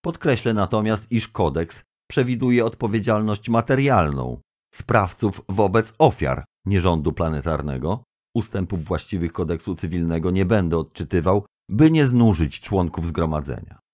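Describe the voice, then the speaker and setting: Reading an audiobook, a man voices a tentacled alien delegate who thunders accusations in a deep, low, booming register, like a lofty speech before an assembly. The grandly pompous, denouncing oratory is indignant, with lively intonation, moderate pace and a slightly mellow tone.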